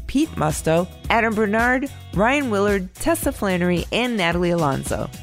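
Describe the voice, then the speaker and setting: A woman hosting a children's news podcast, explaining things in a bright, storytelling way. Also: medium pitch. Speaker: kids' news podcast host. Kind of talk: scripted narration for children.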